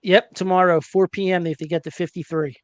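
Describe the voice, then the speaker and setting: A man hosting a casual sports podcast, chatty and hesitant, filling pauses with ums and uhs. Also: high-pitched, fairly even intonation, no echo. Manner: chatty, hesitant with many fillers. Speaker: podcast host.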